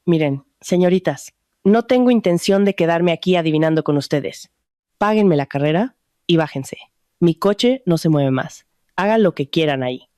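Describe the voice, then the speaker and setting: A woman voicing a gruff, impatient middle-aged male taxi driver in a storybook reading, speaking bluntly. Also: fairly low pitch, lively intonation, moderate pace, mellow, dry recording, clean studio sound, close to an everyday voice. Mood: annoyed. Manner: blunt, irritated.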